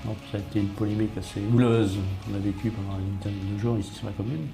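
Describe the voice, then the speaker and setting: A man acting as a town mayor answers interview questions plainly, enumerating points and often restating them. His lowish, creaky voice moves fast with fairly even intonation. Guitar music sits under the roomy, echoey audio.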